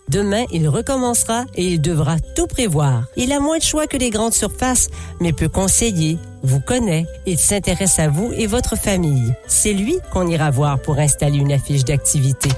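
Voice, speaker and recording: A woman reads a scripted radio ad in an earnest, measured voice. Her voice sits low but rises and falls expressively. Music plays clearly underneath. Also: warm tone. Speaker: commercial voice-over.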